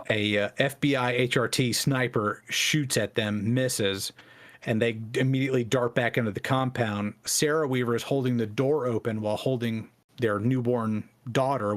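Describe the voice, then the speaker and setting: A man co-hosting a podcast, casually telling a history story in a rambling way, full of fillers and asides. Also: medium pitch. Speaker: podcast co-host.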